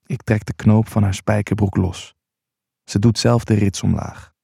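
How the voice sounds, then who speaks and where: A man narrating an intimate first-person erotic story in a low, unhurried voice. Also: fairly even intonation, vocal fry, dark tone, breathy edge, no room sound, studio quality.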